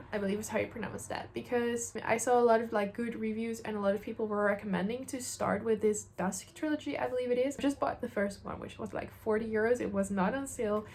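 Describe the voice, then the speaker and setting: A young woman chats casually, rambling along and dropping "like" between thoughts. Her voice sits a little high. There is a faint hum of room noise behind her. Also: darkish tone. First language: Dutch. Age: 20s. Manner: chatty, rambling, lots of "like" fillers. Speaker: gaming vlogger. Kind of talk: casual chat.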